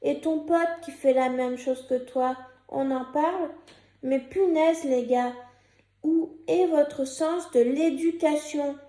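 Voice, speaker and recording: Her voice sits high and slow with a warm tone, echoing in the room. She's a young woman YouTuber nursing a cold and sore throat, doing casual vlog talk, part of it scripted, full of fillers, false starts, and hesitation.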